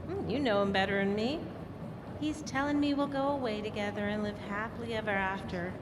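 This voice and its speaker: A woman plays a shrewd, scheming double-crosser in an old-time radio drama, sounding conspiratorial and frank. Her voice is natural, medium-pitched, and a little fast. The recording is a noisy, echoey live capture made in a hall.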